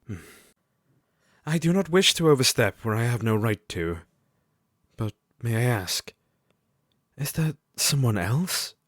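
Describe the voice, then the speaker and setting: A man playing a shy, earnest Victorian gentleman doctor, hesitant and formally polite, in an audio drama. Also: medium pitch, expressive, measured pace, pauses often, no room sound, studio quality. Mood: crestfallen.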